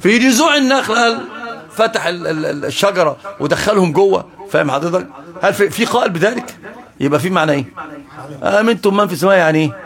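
Man, Egyptian Arabic accent, high voice, rapid combative preaching, sarcastic rhetorical questions. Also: expressive, a bit bright. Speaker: Islamic preacher. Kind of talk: heated religious lecture.

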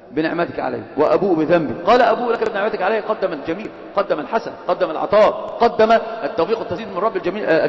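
A man giving an Islamic lesson, moving between classical Arabic and colloquial speech as he quizzes and teases dozing students. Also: sits high. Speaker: religious teacher. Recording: echoey lecture hall, dull lo-fi.

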